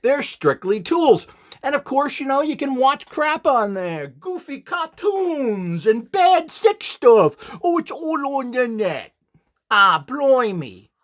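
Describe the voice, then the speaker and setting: A middle-aged man, the instructor and host of a how-to video series, rambles off the cuff in an informal, opinionated lecture that is blunt, scornful and emphatic. His voice is very high and sing-song, with a slow pace and a fairly bright tone.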